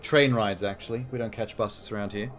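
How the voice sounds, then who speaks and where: A man's voice: lowish voice, fairly even intonation, fairly quick. Irreverent man commentating casually on a game. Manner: irreverent, sweary. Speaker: game streamer. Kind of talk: casual joking playthrough commentary. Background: game music, keyboard typing.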